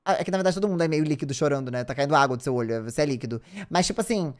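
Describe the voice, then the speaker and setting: A Brazilian host reacting casually and animatedly on a live stream, answering the chat. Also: male voice, on the high side, lively intonation, very fast.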